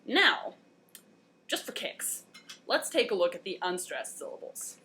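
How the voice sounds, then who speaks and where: A woman's voice: mid-range voice, very animated, measured pace, pushed and bright, a little hiss or hum. A young woman hosting a casual educational vlog, chatty, playful and enthusiastic. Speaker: host.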